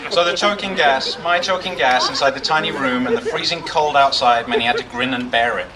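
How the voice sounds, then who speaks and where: A man's voice: medium pitch, a little fast. A man giving a jokey wedding toast speech as best man, with dry, self-deprecating humor. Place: wedding reception with guests. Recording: distant mic in noisy crowded room. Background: crowd noise and guests.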